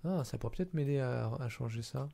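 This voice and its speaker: A man's voice: mid-range voice, brisk, creaky, dark tone, faint music behind. A tired man thinking aloud with hesitation as he edits a video at his computer. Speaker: video editor commenting his work. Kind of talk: casual screen-recording commentary.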